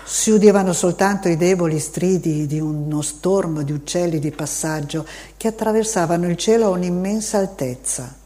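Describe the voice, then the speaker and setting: A narrator reading a classic novel aloud in a steady, measured way. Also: mid-range voice, a little hiss or hum. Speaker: audiobook narrator. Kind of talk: scripted literary narration.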